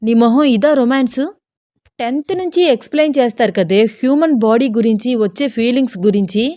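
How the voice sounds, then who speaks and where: A woman's voice: on the high side, fairly quick, dark tone, no room sound, studio quality, natural voice. A woman voicing a teasing, eager young husband who scolds playfully.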